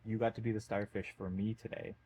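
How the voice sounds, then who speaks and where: A man, a podcast guest, telling a story in a casual conversation, with fillers and animated emphasis. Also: lowish voice, fast talker, a little hiss or hum, rough recording.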